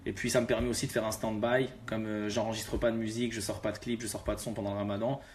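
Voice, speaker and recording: Laid-back young rapper, low voice. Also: male voice, little pitch movement, fast, a little hiss or hum. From Algeria. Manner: laid-back, street slang, addresses viewers directly. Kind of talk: casual talk to fans.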